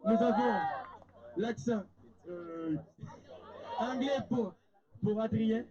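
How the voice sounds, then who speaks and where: A man emceeing a camp stage game, teasing and theatrical. His voice is fairly high and his delivery unhurried. A lively audience can be heard on a dull, lo-fi recording. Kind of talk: stage hosting. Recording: lo-fi sound with a lively crowd.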